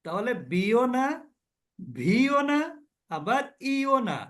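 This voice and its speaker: A man with a high voice teaches a recitation class. He drills the sounds of the letters one by one and keeps asking his students questions as he goes. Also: sing-song, slow, fairly bright tone. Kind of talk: online class lesson.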